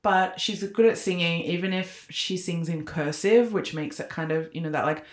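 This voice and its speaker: A woman's voice: on the low side, normal speed. A woman in her thirties, co-hosting a podcast in a casual, rambling chat full of likes and ums. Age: 30s. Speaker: podcast co-host. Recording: echoey room.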